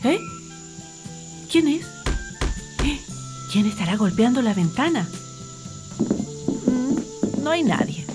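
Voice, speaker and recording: High-pitched, expressive young girl played by a woman. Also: takes it slowly, pauses often, over music. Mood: startled, puzzled. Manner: exclamatory, sighing, wide-eyed. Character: expressive young girl, curious, timid, easily startled. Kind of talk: audio drama acting.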